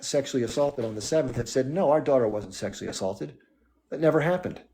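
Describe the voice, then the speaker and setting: A man's voice: mid-range voice, mellow. A man hosting a live stream, arguing in an emphatic way and firing off rhetorical questions. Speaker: livestream host. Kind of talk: heated political monologue.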